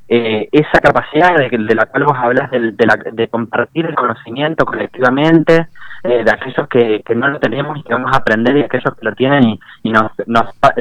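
Un joven argentino de Entre Ríos, estudiante universitario, que habla en serio en una entrevista de radio, dudando a menudo y cerrando frases con "¿no?". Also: male voice, mid-range voice, a bit bright, no room sound, low-quality recording. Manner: earnest, many hesitations and repeated tag questions. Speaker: university student and union representative. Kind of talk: radio interview guest.

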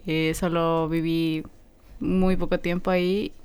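A woman's voice: fairly low pitch, level tone, takes it slowly, darkish tone, clear, resonant tone. A woman, a guest chatting casually and hesitantly with frequent laughs. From Ecuador. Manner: hesitant, laughs often, many fillers. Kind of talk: casual chat.

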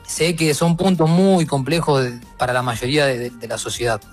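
A man's voice: mid-range voice, steady tone, normal speed, faint music behind. A man with an Argentine accent speaking as a guest in a casual conversation, reflective, with frequent restarts. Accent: Argentine Spanish.

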